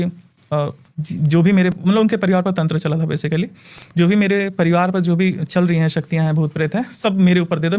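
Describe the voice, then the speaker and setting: A man who works as a spiritual healer, telling a story in an animated way and often laughing, in a casual podcast chat. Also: high voice.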